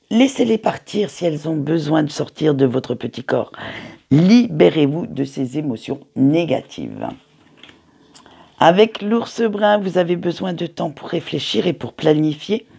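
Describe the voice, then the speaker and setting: A woman giving a monthly horoscope card reading, offering gentle advice and laughing at her own slips. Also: sits low, vocal fry, slightly rough. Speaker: tarot and horoscope reader.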